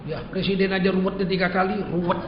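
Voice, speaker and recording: Lively high-voiced preacher in an echoey hall. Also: male voice, moderate pace. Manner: animated, chatty, addresses the congregation directly. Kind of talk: storytelling sermon in casual everyday speech. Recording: echoey hall, dull lo-fi sound, faint noise.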